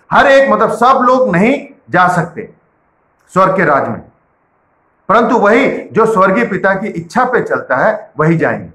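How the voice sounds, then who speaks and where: A pastor from India giving an earnest sermon and reading scripture verses aloud. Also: male voice, high voice, sharp tone, reverberant, low-quality recording.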